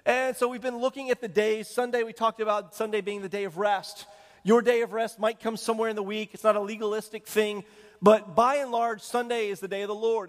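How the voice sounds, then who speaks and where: A man's voice: sits high, big-room sound. A male pastor preaching a conversational sermon and asking the congregation questions. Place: church sanctuary.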